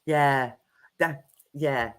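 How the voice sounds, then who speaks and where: A woman's voice: very deep voice, extremely slow, clear, resonant tone. A woman who reads tarot, telling stories bluntly and chattily on a livestream over a video call. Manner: chatty anecdotal storyteller, blunt. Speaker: tarot reader co-hosting a livestream. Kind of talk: casual livestream chat.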